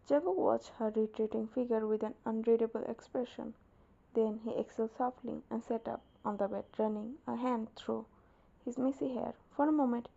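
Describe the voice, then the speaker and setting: A woman reading romantic fan fiction aloud in a soft, unhurried storytelling manner, on a dull lo-fi recording. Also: on the high side, creaky. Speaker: narrator. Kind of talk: scripted fan fiction narration.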